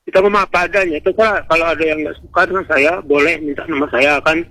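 Here a man from Indonesia rings into a radio show with an opinion, speaking fast in a fairly high, steady, bright and forceful voice on a dry recording. Outspoken and meandering, he keeps breaking off mid-thought, his call carried by telephone into the broadcast.

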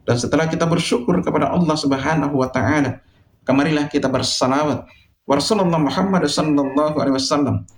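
In an echoey, reverberant recording with a little hiss or hum, a male preacher with a higher voice addresses listeners in a sermon. He is solemn and exhorting, speaking deliberately with emphatic phrasing.

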